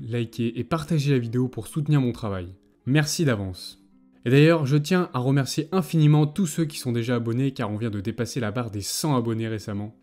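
Mellow-voiced man narrating F1 analysis. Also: medium pitch. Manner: measured, explanatory. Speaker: YouTube F1 commentator. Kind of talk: scripted voice-over narration.

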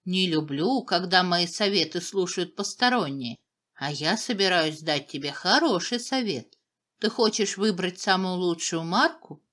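A woman's voice: on the low side, unhurried, a bit bright. A woman voicing a cunning adult male court advisor who wheedles, giggles and whines for sympathy. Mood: wheedling. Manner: wheedling, giggling, hoarse when angry. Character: sly scheming male royal advisor, adult.

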